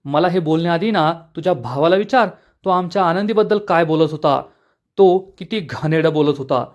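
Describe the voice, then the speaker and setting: A man's voice: fairly high pitch, normal speed, close to an everyday voice. A man voicing an angry young woman who scolds and defends her missing sister. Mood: indignant. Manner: indignant, scolding.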